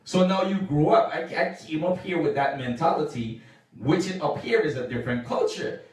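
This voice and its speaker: A man's voice: on the high side, animated, moderate pace, a little mellow. Reflective man in an echoey room. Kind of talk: casual talk show chat. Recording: echoey room, distant mic.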